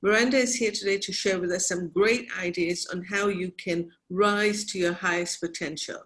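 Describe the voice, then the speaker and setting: A woman's voice: lowish voice, fairly even intonation, moderate pace, fairly bright tone. A woman delivering a rehearsed speaker introduction in a workshop on a video call. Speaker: workshop participant.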